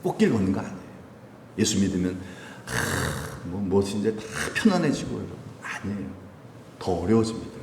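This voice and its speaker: Brief: male pastor, lively swooping delivery, echoey sanctuary with faint hiss. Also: deep voice, brisk, gravelly. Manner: animated preaching, acting out quoted voices, chuckling often. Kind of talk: sermon at a Friday prayer meeting. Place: church sanctuary. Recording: echoey hall, light background hiss.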